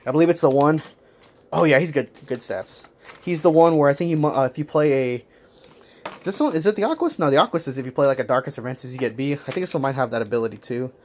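A man chatting casually while unboxing toys, talking quickly and correcting himself as he goes. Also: mid-range voice, lively intonation, background noise. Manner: rapid, rambling, self-correcting. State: out of breath. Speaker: toy unboxing vlogger.

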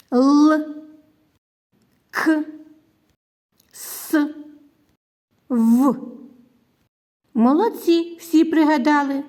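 A woman teaching young children a reading lesson, slowly drawing out syllables and sounds with sing-song praise. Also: sits high, a little mellow.

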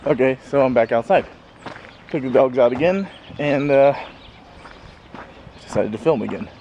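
A thirty-something vlogger chats casually into a handheld camera at arm's length in his sunny backyard, with frequent fillers and chuckles. He has a medium, dark-toned voice and an unhurried pace; the sound is lo-fi with faint outdoor noise behind it.

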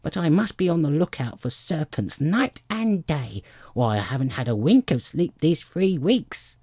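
A frantic mother pigeon from a storybook. She scolds and complains in a high, wildly swooping voice, full of indignation and scorn, with a breathy rasp at the edges. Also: very animated, unhurried, mellow, dry recording, full character voice. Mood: fretful complaint. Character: agitated, scolding female pigeon, frantic and contemptuous.

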